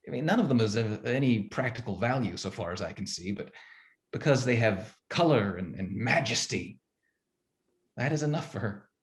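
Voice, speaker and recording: A man's voice: medium pitch, lively intonation, moderate pace, close to an everyday voice. An actor playing Adam as a bemused young husband, reading his diary with dry, musing asides over a video call. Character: first man, gruff bemused young husband. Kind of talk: theatrical reading of a one-act play.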